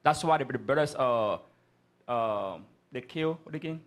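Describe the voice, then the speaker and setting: Brief: male Bible class teacher, emphatic and repetitive, mid-pitched voice, keeps calling for verses to be read again. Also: expressive, measured pace. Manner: emphatic, repetitive, prompts the reader often. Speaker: teacher leading a scripture class. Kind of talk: street-corner style Bible class teaching.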